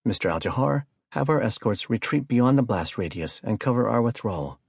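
A man voicing a stern female fleet admiral, giving clipped, crisp orders. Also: medium pitch, animated, fairly quick, no echo, studio quality, voice pushed up. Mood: commanding.

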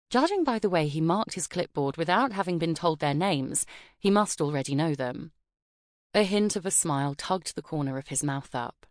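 A woman narrating an audiobook reads a first-person novel in a measured, expressive voice that sits low for a woman. Her delivery is polished and steady, recorded on a close studio mic that sounds completely dry, as from a booth.

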